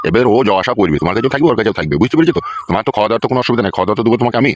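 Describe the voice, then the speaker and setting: A man voicing a gruff, bossy village father-in-law in a comedy cartoon. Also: on the low side, expressive, rapid-fire, lo-fi sound, slight background noise, natural voice. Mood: laying down rules.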